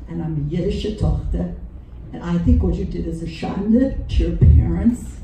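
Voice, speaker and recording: A woman's voice: on the low side, normal speed, creaky, warm tone. A woman in the audience voices a sad, reproachful objection, with Yiddish words in her speech. She sounds distant, heavily echoed by the theater, with background noise behind her. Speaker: audience member. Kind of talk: spoken comment from the audience.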